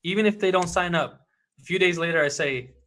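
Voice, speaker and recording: Bright, high-voiced man coaching a team. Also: brisk. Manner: energetic, emphatic, repeats "look" and "okay". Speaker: team leader coaching members. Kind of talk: motivational sales coaching talk.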